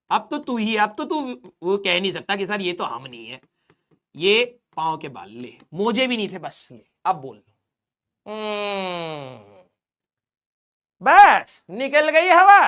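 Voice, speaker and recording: A male physics teacher gives a joking classroom lecture, roasting his students as he draws. His voice is high-pitched, bright and forceful. He teases the class throughout.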